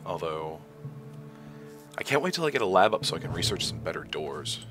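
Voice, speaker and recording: A man's voice: low voice, sing-song, a little fast. A young man commentating his gameplay, rambling and thinking aloud with a chuckle. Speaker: let's play host. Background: game music.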